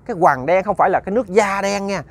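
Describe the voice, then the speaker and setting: A man's voice: sits high, quick pace. A man narrating a ghost story conversationally, often repeating words and talking to his listeners.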